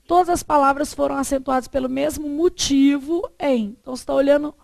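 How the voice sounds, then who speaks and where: High-voiced Brazilian woman teaching. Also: a little fast, vocal fry, no echo. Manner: lively, asks the class questions and answers them herself. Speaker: Portuguese teacher. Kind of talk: classroom lesson on exam questions.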